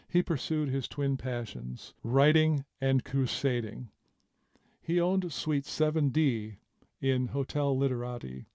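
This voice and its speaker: Male audiobook narrator, mellow warm tone, measured and expressive, dry close read. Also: mid-range voice, no room sound.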